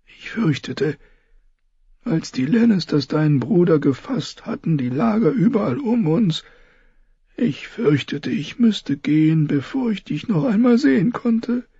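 A man voicing a frail, dying old lord who speaks in a thin, trembling whisper with halting, wandering sentences, in an audiobook reading. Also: high-pitched, lively intonation, warm tone, breathy edge, no echo, lo-fi sound, voice pushed up, full character voice. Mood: feeble.

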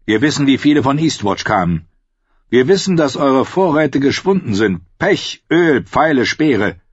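A man voicing a shrewd, confident wildling king who speaks in a measured, mocking way. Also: mid-range voice, sing-song, breathy edge, dry recording, voice pushed up. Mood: commanding. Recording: slightly dull, dry recording.

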